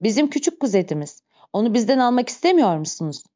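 A woman's voice: a little high, big pitch swings, fast talker, mellow. A woman reading an audiobook speaks the part of a sly male innkeeper who feigns fond, earnest feelings in her own voice. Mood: falsely earnest. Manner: smooth, falsely earnest. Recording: dull lo-fi recording.

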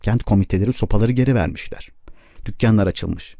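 A brooding bearded older man, wry and slow-spoken, as a man reads him. The voice is low and dark. The recording sounds dull and dry. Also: vocal fry, no echo.

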